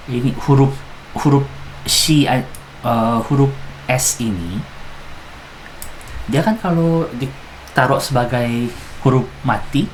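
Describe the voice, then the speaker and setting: Slow, chatty teacher spelling out syllables. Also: medium pitch, a little hiss or hum, low-quality recording. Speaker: Korean language teacher. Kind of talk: casual lesson explaining song lyrics.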